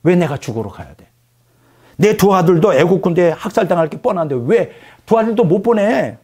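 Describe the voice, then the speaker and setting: A man's voice: sits high, moderate pace, gravelly, a little mellow, slightly rough, pitched above the performer's own voice, exaggerated voice. A man putting on a scolding, incredulous wife. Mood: pleading. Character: exasperated shouting wife, middle-aged woman. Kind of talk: acted quote in a sermon.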